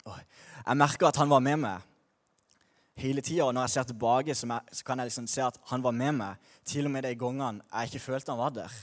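A man's voice: medium pitch, long reverb tail. Young man telling a candid faith story. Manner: candid, slangy, with restarts. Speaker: speaker sharing a personal faith testimony. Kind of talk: personal testimony talk.

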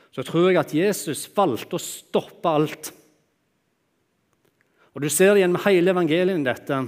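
A man preaching a sermon, moving between raised, emphatic lines and quiet, hushed ones. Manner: expressive, swings from loud exclamations to hushed low tones. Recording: long hall reverb.

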